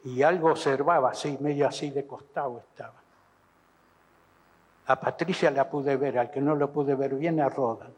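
Argentine man, husky, mid pitch, halting witness testimony, captured in a reverberant hall. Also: fairly even intonation, darkish tone. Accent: Argentine Spanish. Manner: halting, repeats and restarts, vivid retelling. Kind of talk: recounting testimony. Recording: archive recording in an echoey hall.

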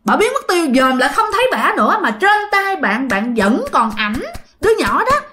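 A woman's voice: high voice, big pitch swings, normal speed, bright, forceful tone. A woman telling a ghost story in a chatty way, talking straight to her listeners. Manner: chatty, addresses listeners directly. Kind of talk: casual horror storytelling.

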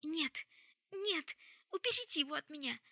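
A woman reading an audiobook, voicing a hysterical young woman who sobs and pleads in a shrill voice. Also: animated, fairly quick, creaky, pushed and bright, no room sound, studio quality, exaggerated voice. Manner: sobbing, shrill, near screaming.

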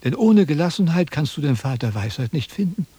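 A pompous philosopher, lecturing, indignant, lively swinging pitch, husky, dry close sound, radio play. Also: male voice, fairly quick, no echo. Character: vain, pompous old male Chinese philosopher. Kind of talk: 1970s radio drama acting.

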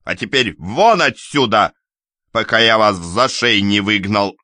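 A man's voice: on the low side, expressive, measured pace, pushed and bright, no echo, clean studio sound, voice pushed up. A man voicing an insolent, sneering young nobleman who mocks his in-laws. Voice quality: brash, mocking.

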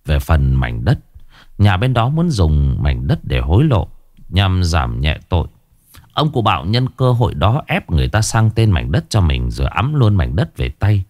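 A man narrating a horror story in a lively, expressive reading. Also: low-pitched, normal speed, no echo, clean studio sound.

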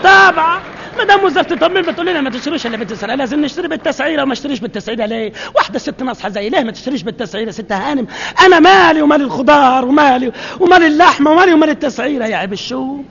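A man's voice: very high voice, animated, creaky, a bit bright, heavily acted. A man playing a nosy, fussy Egyptian housewife who talks nonstop, in an old radio comedy sketch with an Egyptian accent. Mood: rattling chatter. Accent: Egyptian Arabic. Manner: rapid, rambling, scolding nonstop talk. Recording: dull archive radio recording.

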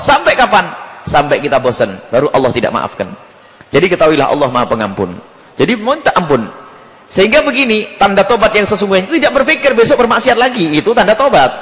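A high-voiced male preacher with a lively, swooping delivery, acting out little dialogues as he answers a question. His voice rings with a long hall reverb. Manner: animated, acts out dialogues and jokes.

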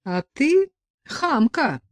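A woman voicing a rude, bossy male thug who talks slowly and loudly in gruff threats. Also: sits high, big pitch swings, no echo, studio quality, voice pushed up, heavily acted. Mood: angry.

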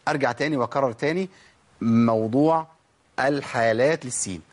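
Egyptian male recitation teacher, slightly husky, mid-pitched, repeats sounds patiently for learners. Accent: Egyptian Arabic. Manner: drills sounds slowly, asks and answers his own questions. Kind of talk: recorded tajweed lesson.

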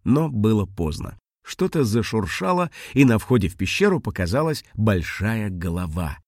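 A man narrating a children's audiobook in an expressive, lively storytelling manner. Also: fairly low pitch, normal speed, no echo, clean studio sound.

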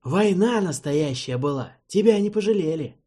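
A man's voice: sits high, animated, normal speed, mellow, husky, pitched above the performer's own voice. Man playing a matter-of-fact airship crewman. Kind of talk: audiobook character voice.

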